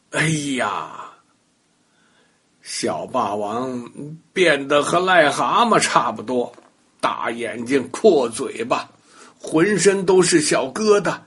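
An older man narrating a bedtime story for children, talking lively and speaking directly to the young listeners. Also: fairly high pitch, slightly rough.

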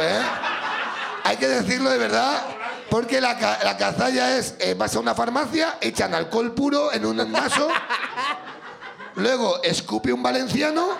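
A middle-aged Spanish man with a rough, gravelly rasp, pitched fairly high for a man. He hosts a live comedy show in a loose, rambling, self-mocking way. The sound is a stage mic picking up a crowd. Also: a bit bright. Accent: Spanish (Spain). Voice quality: gravelly, raspy voice. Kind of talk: stand-up crowd work chat.

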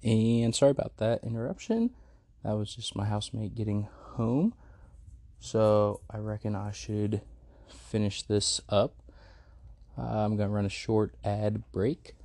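Late at night in a house with dogs, a young podcast host chats casually, rambling with many fillers and sounding slightly congested from a cold. He speaks a little slowly in a lowish, warm voice, and there's no room sound.

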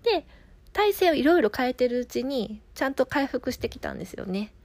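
A woman's voice: sits high, sing-song, fairly quick, darkish tone, no echo. A woman with a Kansai accent, a midwife casually telling her own birth story and acting out her inner thoughts. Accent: Kansai Japanese.

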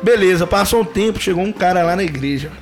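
A podcast guest with a Belo Horizonte, Minas Gerais accent tells a story in a casual chat, laughing a lot and acting out the dialogue with animation. His voice is high-pitched and fast, over soft background music.

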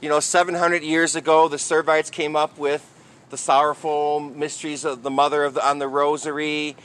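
Bright-voiced man preaching as a priest. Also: a little high, little pitch movement, moderate pace. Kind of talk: sermon and liturgical reading at Mass.

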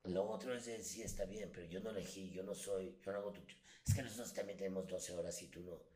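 A man's voice: sits low, quick pace. A man with a Mexico City accent, a guest actor telling stories in casual, slang-filled podcast chat. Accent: Mexico City Spanish. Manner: slangy, storytelling, animated. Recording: echoey room.

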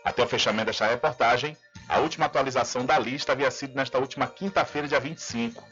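A man's voice: medium pitch, fairly even intonation, fast talker, a bit bright. A man presenting radio news a script. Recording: slightly dull radio audio, music bed. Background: faint music.

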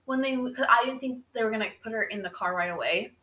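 A woman's voice: a little high, fast talker, sharp tone. A young adult woman hosting a podcast, telling a story in a casual, chatty way with lots of fillers. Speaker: podcast host. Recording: roomy echo.

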